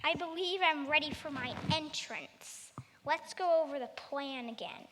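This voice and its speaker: A woman's voice: high voice, measured pace, long reverb tail, background noise. A woman voicing a short, pompous male tax collector in a cartoon, boastful and self-important. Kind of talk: cartoon acting.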